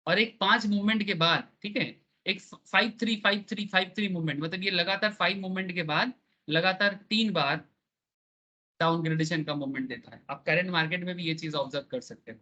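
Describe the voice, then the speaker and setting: Man, online class teacher, high pitch, bright tone, explains with analogies. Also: a little fast, highs cut off. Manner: explains with everyday analogies, checks in with students.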